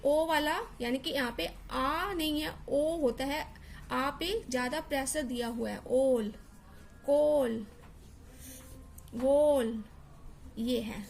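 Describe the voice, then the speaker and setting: A woman's voice: high-pitched, unhurried, gravelly, slight background noise. A woman teacher explaining English pronunciation, repeating words and spelling out letters to drill each sound.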